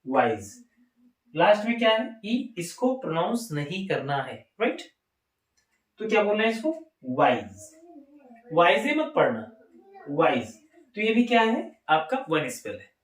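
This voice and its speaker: A man's voice: high-pitched, sing-song, moderate pace. A man with an Indian accent teaching an English lesson to a class, asking questions and answering them himself. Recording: echoey room.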